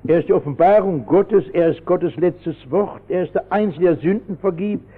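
A high-voiced man preaches with fervour, swinging from hushed asides to sudden shouts as he tells his story. His voice comes through a thin, phone-like old radio broadcast. A long church reverb trails behind every phrase. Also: normal speed, slightly rough. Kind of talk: sermon.

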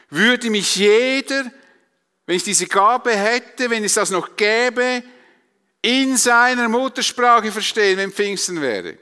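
A man with a Swiss German accent preaches emphatically to a congregation in a high, sharp voice, leaning on rhetorical repetition and questions. A long hall reverb trails his words.

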